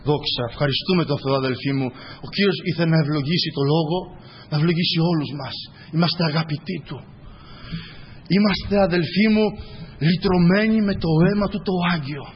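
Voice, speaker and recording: A man preaching a sermon with fervent, repeating phrases and frequent hallelujahs, his voice hoarse. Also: on the high side, in a large hall, lo-fi sound, slight background noise.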